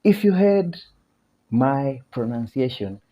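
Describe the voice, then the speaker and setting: A man with a Kenyan accent teaching a casual video lesson, chatty, laughing often and repeating phrases slowly. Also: mid-range voice, expressive, highs cut off.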